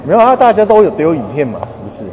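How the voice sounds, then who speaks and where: Fast-talking Taiwanese man, teasing. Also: high voice, very animated, over music. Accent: Taiwanese Mandarin. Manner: teasing, soothing. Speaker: friend chatting. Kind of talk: casual chat. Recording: dull sound, crowd behind.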